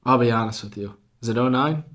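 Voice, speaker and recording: A man's voice: mid-range voice, fast, a bit bright. A man co-hosting a casual ministry podcast, playful and full of "dude" and "bro", making jokey arguments. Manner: playful, says "bro" and "dude", argues jokingly. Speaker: student ministry podcast co-host. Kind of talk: casual chat.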